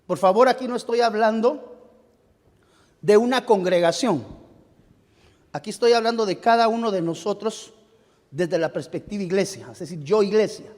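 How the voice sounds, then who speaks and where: High-voiced preacher in a reverberant church. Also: male voice, a little mellow. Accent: Guatemalan Spanish. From Guatemala. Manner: halting, searches aloud for words and restarts phrases; addresses listeners directly as beloved brother. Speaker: pastor. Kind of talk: sermon. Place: church sanctuary. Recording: long reverb of a church hall.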